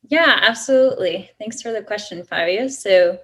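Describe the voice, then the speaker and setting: A woman from Colombia being interviewed, speaking casually and openly. She fills her answers with ums as she goes, her voice sitting at a middle pitch. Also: moderate pace, a bit bright. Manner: friendly, chatty, many "um"s. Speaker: interview guest.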